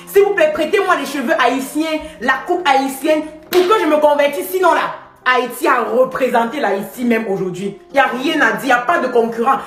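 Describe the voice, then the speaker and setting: High-voiced effusive woman in echoey room. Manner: emphatic, pleading, effusive. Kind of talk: excited live stream commentary.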